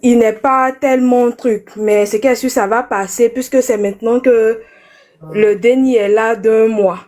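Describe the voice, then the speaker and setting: A female caller explains a personal situation slowly and hesitantly, circling around her point. Her voice is fairly high yet soft-edged and mellow. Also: steady tone. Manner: hesitant, rambling. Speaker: caller seeking advice.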